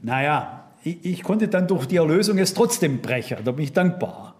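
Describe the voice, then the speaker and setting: A man's voice: on the high side, expressive, normal speed, darkish tone. A man preaching a sermon to his congregation, asking them many rhetorical questions and quoting Bible verses. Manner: quotes and reads Bible verses aloud.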